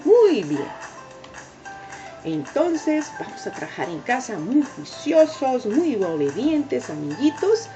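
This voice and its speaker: Slow sing-song woman teaching preschool phonics. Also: high voice, very animated. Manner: drawn-out sounds, sing-song praise, coaxing repetition. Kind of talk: slow, exaggerated phonics lesson for young children. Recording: dull lo-fi home recording with soft music.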